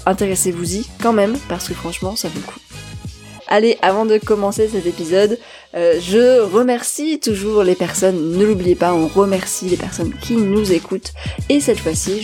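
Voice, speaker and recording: A woman hosting a podcast interview, chatty and quick to laugh, with many fillers. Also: medium pitch. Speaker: podcast host.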